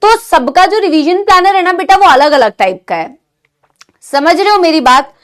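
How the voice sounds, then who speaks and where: Soft-spoken high-voiced woman teacher with a cold. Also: lively intonation, normal speed. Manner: motherly, calls students "beta", mixes Hindi and English. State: sore throat from a cold, speaking softly. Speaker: online NEET biology teacher. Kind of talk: live online class chat.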